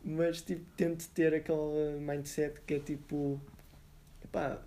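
A young man in casual, slangy podcast chat, thinking aloud in halting repetitions. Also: fairly high pitch, little pitch movement, dark tone. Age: young adult. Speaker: podcast co-host.

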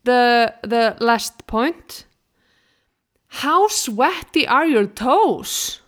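A woman's voice: on the high side, expressive, very slow. A woman from Iceland, chatting bluntly and opinionatedly. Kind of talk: casual chat.

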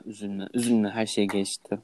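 A man's voice: on the low side, flat delivery, normal speed, warm tone, slight background noise. A young man co-hosting a casual chat, joking and teasing his friend.

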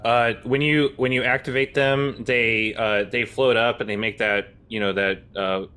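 A man narrating a tabletop role-playing game as game master, relaxed and full of fillers. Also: medium pitch, measured pace, clear, resonant tone.

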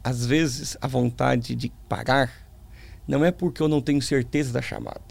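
A Brazilian preacher from a small town in the interior gives reflective religious testimony as an interview guest, using emphatic pauses and repetition. He has a tongue-tied lisp with slurred sibilants, and his medium-pitched, creaky, darkish voice keeps a fairly even intonation.

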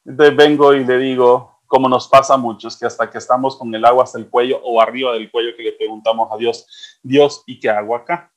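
A man's voice: mid-range voice, fairly even intonation, fairly quick. Middle-aged man telling stories in a chat. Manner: storytelling, repeats words for emphasis. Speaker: co-host. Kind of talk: casual chat.

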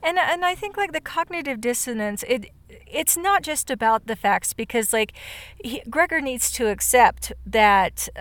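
A woman co-hosting a podcast, talking casually and reflectively in a halting, thoughtful way, her voice starting to give out. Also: on the high side, expressive, a bit bright. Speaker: podcast co-host.

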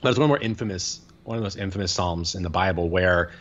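A man's voice: low-pitched, quick pace, muffled recording. A man co-hosting a podcast, a priest talking casually and rambling with many fillers and restarts.

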